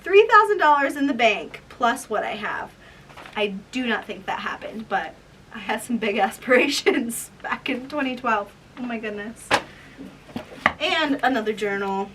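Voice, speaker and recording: A woman in her twenties with a high voice talks in a casual vlog style. She sounds embarrassed and self-mocking as she reads aloud from her old writing. The mic is a little distant, with some faint noise around her. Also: lively intonation, a little slow. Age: 20s. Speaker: vlogger. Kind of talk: casual vlog chat, reading old diaries.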